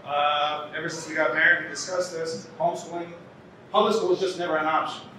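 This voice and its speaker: A Canadian man from Toronto gives an earnest podium lecture at a conference in a large indoor banquet hall, repeating key lines for emphasis. His voice sits on the high side, level and brisk. The podium mic picks him up from a distance, so the hall sounds echoey and the background noisy.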